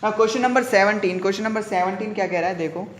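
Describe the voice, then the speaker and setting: Indian male math tutor, high voice, walks through each step and quizzes himself out loud. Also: moderate pace, a little hiss or hum. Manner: explains step by step, often asks and answers own questions; mixes Hindi with English math terms. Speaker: math teacher. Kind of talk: online math lesson.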